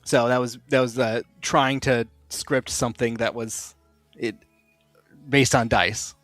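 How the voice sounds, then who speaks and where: A man's voice: medium pitch, fairly even intonation, unhurried, a bit bright, no echo, soft background music. A young man hosting and running the game, chatting casually about behind-the-scenes plans, full of filler words and restarts. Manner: rambling, lots of filler "like". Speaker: game master and host.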